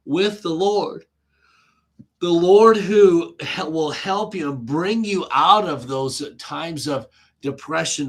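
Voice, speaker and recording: Husky guy preaching a sermon, earnest, lots of uhs, slows way down on the prayer bits. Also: mid-range voice, a bit bright. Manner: earnest, with frequent filler "uh" and restarts. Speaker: pastor.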